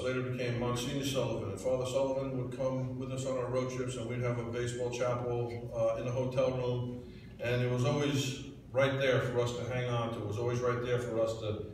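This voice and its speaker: A man's voice: mid-range voice, a little mellow, a little hiss or hum. Middle-aged man giving a speech in an echoing hall. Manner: storytelling, folksy and sincere. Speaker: hall of fame inductee. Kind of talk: heartfelt acceptance speech. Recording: echoey banquet hall, distant mic.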